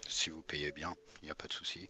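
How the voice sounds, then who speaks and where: A man voicing a cool, gruff private detective who gives short, dry, tough-guy answers in a tabletop game. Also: rumbling low, level tone, brisk, sharp tone, dry recording, pitched below the performer's own voice, full character voice. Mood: curt. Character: gruff, cool male New York private detective, adult. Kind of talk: game master voicing a character.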